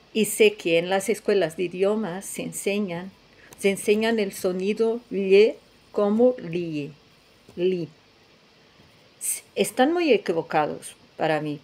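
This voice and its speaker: A woman from Portugal speaks in the unhurried, measured way of a language teacher. Her voice sits at an ordinary middle pitch. She repeats each sound several times so learners can copy it, with the odd light laugh. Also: a little mellow. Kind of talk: pronunciation lesson.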